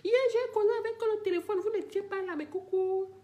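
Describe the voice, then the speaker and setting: A woman's voice: very high-pitched, fairly even intonation, a little fast, warm tone. Older woman in a pleading live-stream rant. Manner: pleading, repetitive, talks straight to viewers. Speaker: livestreamer addressing viewers.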